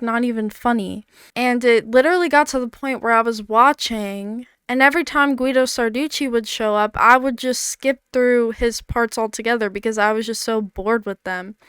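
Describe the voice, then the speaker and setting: A woman with a slight lisp talks through an old comedy show in a loose, blunt way, leaning on "like". Her voice sits a bit high and comes through very clean and smooth. The recording is dry, with no room sound. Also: a bit bright, no echo. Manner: chatty, blunt, peppered with "like". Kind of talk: casual commentary.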